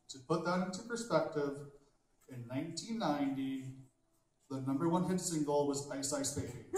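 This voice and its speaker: Captured by a far-off camera in a very echoey, wood-panelled hall, a young man performs stand-up from a small stage, handheld mic in hand. He tells dark jokes with blunt delivery, slipping in conversational asides to the audience, and his pitch runs somewhat high.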